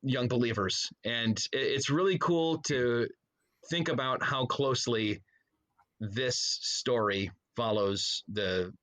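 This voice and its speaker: Slow-paced and mid-range, with a slightly bright tone, this man's voice belongs to a podcast guest chatting casually. He rambles as he tells stories, frequently interrupting himself and drifting into trailing asides.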